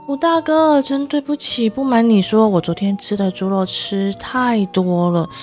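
A woman's voice: medium pitch, measured pace, darkish tone, faint music behind, lightly acted. Woman doing a sly little cat. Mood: pleading. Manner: wheedling, cunning.

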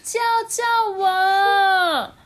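A woman voicing a bossy young princess locked in a tower, crying out shrill demands. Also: lively intonation, unhurried, a bit bright. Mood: shrieking.

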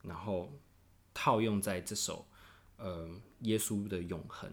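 A man who plays cello talks through a piece of music, thoughtful and unhurried, with small restarts. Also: low voice, fairly bright tone. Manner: thoughtful, explains slowly with restarts. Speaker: cellist guest. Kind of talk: casual music discussion.

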